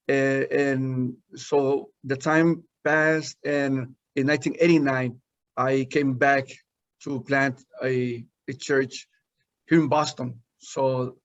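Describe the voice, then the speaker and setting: A middle-pitched man tells his faith story in earnest, with many restarts and fillers. The audio is dull and lo-fi. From Guatemala. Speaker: senior pastor, guest. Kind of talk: personal testimony in conversation.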